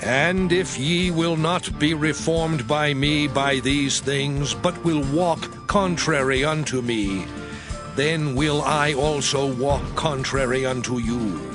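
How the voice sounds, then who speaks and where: In an audio drama, a male voice playing the stern, wrathful God of the Old Testament speaks over prominent music. His voice sits a little high, and he delivers scripture as solemn, measured declamation, like a lawgiver pronouncing judgment.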